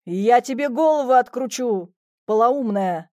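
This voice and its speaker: A woman voicing an angry, gruff male prisoner, a policeman, who shouts rough insults, in an audiobook reading. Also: fairly high pitch, animated, unhurried, no echo, clean studio sound. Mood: angry shouting.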